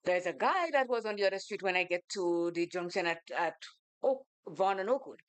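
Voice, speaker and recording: Animated Grenadian woman telling a story. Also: lowish voice, a little fast, smooth, no echo. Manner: animated storyteller, acts out quoted voices. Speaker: radio co-host. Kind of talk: casual radio talk with storytelling. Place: radio studio.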